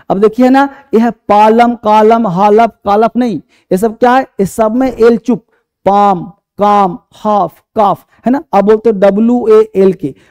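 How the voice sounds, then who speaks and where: A man's voice: sits high, warm tone. A man teaching a class, who quizzes the students, answers his own questions and repeats each point, calling students by affectionate terms. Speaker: English teacher.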